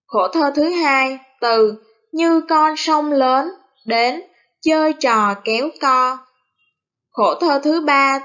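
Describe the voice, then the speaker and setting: Slow, high-voiced schoolteacher woman. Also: fairly bright tone. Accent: Southern Vietnamese. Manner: slow, careful, over-articulated classroom delivery. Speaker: primary school teacher. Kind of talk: recorded reading lesson. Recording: dull lo-fi recording.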